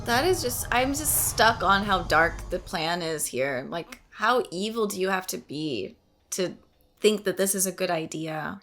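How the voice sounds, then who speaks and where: A woman gives casual reaction commentary in an expressive, exclamatory way. Her pitch is very lively and her pace unhurried, with faint music behind her. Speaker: reaction video host.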